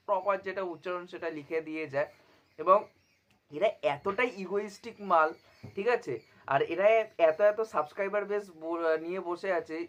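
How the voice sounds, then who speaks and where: Animated man doing a movie review. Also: a little high, lo-fi sound. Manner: animated, mocking, frequent restarts. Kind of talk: casual review monologue.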